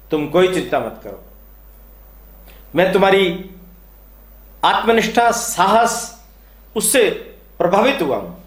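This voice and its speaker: An elderly royal priest speaks with warm, resolute conviction, as a storyteller puts him on. His pitch sits high and rises and falls a lot. The sound echoes around a roomy space.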